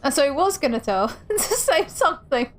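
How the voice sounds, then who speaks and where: A woman's voice: high voice, big pitch swings, normal speed, low-quality recording. A young woman streaming a game, chatting casually and self-deprecatingly with friends on a call. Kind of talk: casual chat while streaming.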